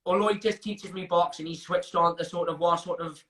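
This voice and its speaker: A man's voice: high-pitched, steady tone, fairly quick, a bit bright. A young man with a Welsh accent, an MMA fighter chatting in an interview, talking in loose, restarting sentences and laughing through his stories. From Wales. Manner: chatty, frequent restarts and fillers, laughs while telling stories. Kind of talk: casual interview chat.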